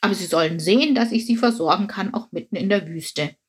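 A woman voicing a proud, grumpy old male dung beetle who speaks gruffly and explains things patiently. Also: medium pitch, a little fast. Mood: explaining. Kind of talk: storybook reading.

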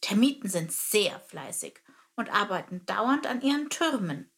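Woman reading a kids' storybook, calm and steady, middle pitch. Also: a little slow. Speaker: narrator. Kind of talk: scripted narration of a children's story.

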